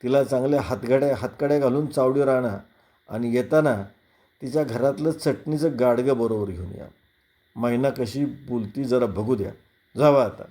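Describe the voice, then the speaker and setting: A man voicing a quick-tempered village police sub-inspector who barks orders and curses loudly. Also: mid-range voice, natural voice. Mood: angry, bossy.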